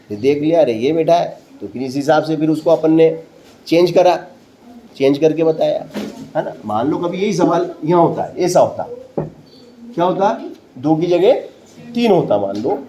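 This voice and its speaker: A man's voice: on the high side, expressive, normal speed, pauses often, warm tone, slight background noise, low-quality recording. A man teaching a maths lesson to a classroom of students, repeating each step and quizzing them with questions. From central India.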